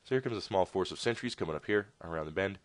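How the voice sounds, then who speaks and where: Low-voiced joking game caster man. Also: expressive, fast. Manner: jokey, rambling asides. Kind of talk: casual video game commentary.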